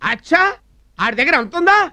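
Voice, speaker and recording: A man in a slapstick film comedy scene, loud and whiny, yelping and groaning in pain. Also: very high voice, big pitch swings, a little fast, no room sound, studio quality. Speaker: comic film character. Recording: film soundtrack with music behind. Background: film score music.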